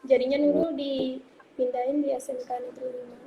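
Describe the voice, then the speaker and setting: A young woman in her twenties talks over a phone call, rambling and pausing to search for words. Her voice sits high. The line is narrow and phone-like, with a faint hiss behind. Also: flat delivery, creaky, dark tone. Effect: heard over a phone or online call. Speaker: interviewee. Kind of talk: casual interview.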